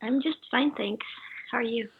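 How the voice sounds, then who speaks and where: A woman in her twenties from Sweden, a musician answering interview questions over the phone in a halting way, full of fillers and trailing off. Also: a little high, creaky, slight background noise. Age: 20s. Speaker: musician guest. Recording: tinny phone line.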